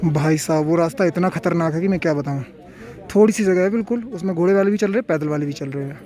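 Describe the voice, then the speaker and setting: High-voiced man vlogging on a mountain trail. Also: quick pace, dark tone. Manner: chatty, gives friendly advice to viewers. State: unwell with a fever, tired from climbing. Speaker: travel vlogger. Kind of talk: casual travel vlog narration.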